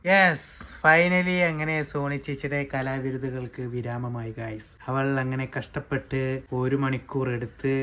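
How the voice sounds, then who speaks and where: A man chatting to his viewers in a relaxed home vlog. He talks in a medium, ordinary pitch, teasing his family and keeping up a running commentary for the camera. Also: measured pace. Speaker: family vlogger. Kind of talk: casual home vlog narration.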